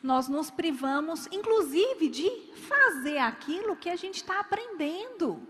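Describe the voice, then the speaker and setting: A woman's voice: very high-pitched, animated, a little slow, a bit bright, big-room sound, slight background noise. A woman preaching a sermon, telling stories dramatically and acting out the people in them.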